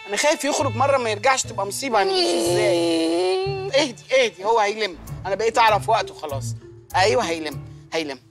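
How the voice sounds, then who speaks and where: A man's voice: sits high, expressive, quick pace, vocal fry, music in the background. An actor with an Egyptian accent playing a sheepish, jobless husband who pleads with and teases his wife in a comedy film. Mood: nervous. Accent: Egyptian Arabic. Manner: pleading, then teasing and mocking. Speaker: husband out of work. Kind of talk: comic film acting.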